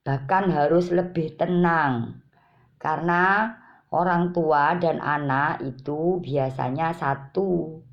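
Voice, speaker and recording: A woman giving parenting advice in a calm, repetitive way, speaking directly to her viewers. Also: low voice. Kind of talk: informal advice talk to parents. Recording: dull lo-fi recording.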